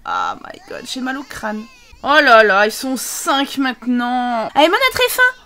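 A woman's voice: fairly high pitch, wildly swooping pitch, measured pace, sharp tone. A woman commenting on her video game, exclaiming and teasing the characters with mock exasperation and frequent laughter. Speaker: let's play gamer.

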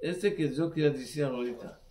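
A rabbi giving a weekly sermon in halting, simple Spanish that is sprinkled with terms. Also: male voice, fairly high pitch, mellow, echoey room, slight background noise.

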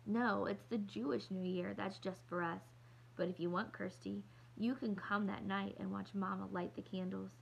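A woman's voice: mid-range voice, fairly even intonation, normal speed, gravelly, slight background noise, poor audio. Woman reader voicing a matter-of-fact young girl in a storybook, near her own voice. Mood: plain. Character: young girl Ellen, calm friend.

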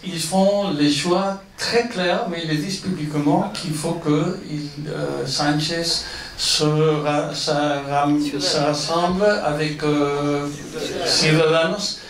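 A man's voice: fairly high pitch, steady tone, takes it slowly, a bit bright. A man with a foreign, Iberian accent in non-native French, answering questions at a meeting and searching for his words. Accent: Spanish or Catalan accent in French. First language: not French. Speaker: guest speaker at a political meeting. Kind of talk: impromptu speech answering audience questions. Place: indoor meeting hall with an audience. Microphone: handheld microphone. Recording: echoey room, distant pickup, audience noise.

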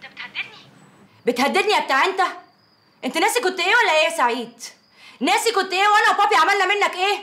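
A woman's voice: very high-pitched, lively intonation, rapid-fire, long pauses, sharp tone, full character voice. An actress playing a bitter, scornful divorced mother with an Egyptian accent in a TV drama. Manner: scornful, cutting.

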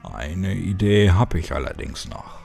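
A man's voice: low-pitched, big pitch swings, measured pace, creaky, darkish tone, soft background music, heavily acted. A man doing a sneering sarcastic cop. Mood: sardonic. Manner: teasing, dry and sneering. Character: sarcastic middle-aged male cop, mocking and gruff.

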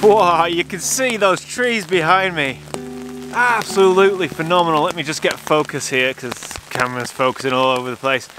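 A man's voice: a little high, moderate pace, music in the background. A man in his thirties, a landscape photographer, chatting eagerly to a handheld camera outdoors in a rain forest. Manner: enthusiastic, chatty, excitable. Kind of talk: casual vlog to camera. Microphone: camera mic, handheld close. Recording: heavy rain noise on the mic. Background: steady rain falling.

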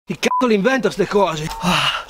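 A man's voice: high voice, a little fast, distant mic. A man in his thirties, mouth burning from spicy food, swearing casually as he hosts a challenge video outdoors. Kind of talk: casual, sweary chat to camera. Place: outdoors at the edge of a field. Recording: outdoor camera audio with background noise.

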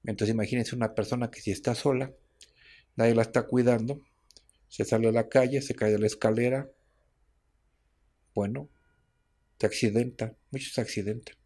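Gravelly, husky radio host. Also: male voice, mid-range voice, steady tone, normal speed, pauses often, mellow. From Mexico. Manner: chatty, explaining, with frequent tag questions. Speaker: radio host on herbal medicine. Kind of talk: explanatory radio talk. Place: radio studio.

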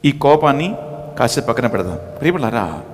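A man, a priest, preaching a dramatic sermon, swinging between loud and soft. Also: medium pitch, very animated, quick pace, faint music behind. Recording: long hall reverb.

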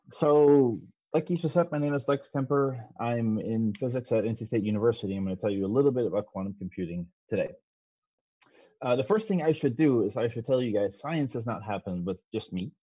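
A man's voice: medium pitch, a little fast, slightly rough, dry recording. A man in his thirties from the Netherlands, giving a casual, self-deprecating science talk from a home office over a headset. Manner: relaxed, self-deprecating, many ums. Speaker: guest speaker, physicist. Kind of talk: casual presentation over video call. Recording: dry, slightly dull video call audio.

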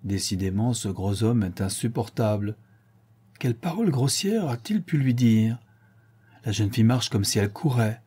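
Husky, mellow male audiobook narrator. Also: on the low side, moderate pace. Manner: expressive reading, lifting his voice for quoted characters. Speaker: audiobook reader.

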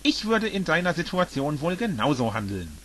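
Guy doing a chill pink girl dinosaur, explains things patiently, bit higher. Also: moderate pace, slight background noise. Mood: calm. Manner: calm, explaining.

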